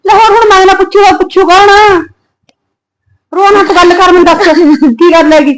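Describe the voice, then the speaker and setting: Woman doing a fiery punjabi mom, high voice, scolds and cusses at the in-laws. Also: steady tone, a little fast, low-quality recording. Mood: angry. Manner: abusive, fiercely protective, scolding. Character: fiery scolding Punjabi mother, middle-aged. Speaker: mother.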